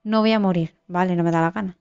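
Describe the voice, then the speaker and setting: A young woman from giving live gameplay commentary, excitable, swearing and talking to her viewers. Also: lowish voice, fast, smooth, highs cut off. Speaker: gaming YouTuber.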